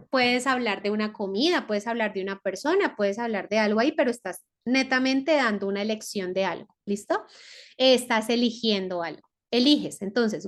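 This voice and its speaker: A woman teacher from Colombia, explaining a lesson step by step and often checking in with her students. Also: fairly high pitch. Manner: slow, repeats words and checks with "¿listo?". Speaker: English teacher.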